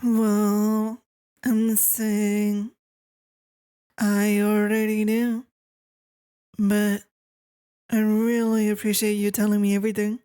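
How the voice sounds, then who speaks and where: Woman acting a soft, sweetly obsessive yandere wife, ASMR role-play. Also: mid-range voice, completely flat delivery, clear, resonant tone, dry recording, clean studio sound, close to an everyday voice. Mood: eerily sweet. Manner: sweet, eerily obsessive, slow deliberate phrasing with pauses. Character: yandere wife, calm, sweetly possessive and eerily controlling.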